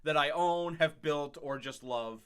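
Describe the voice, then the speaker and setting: A man with a bright, forceful, somewhat high voice chats casually as a podcast co-host. He is jokey and excitable and laughs often. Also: measured pace, clean tone. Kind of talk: casual chat.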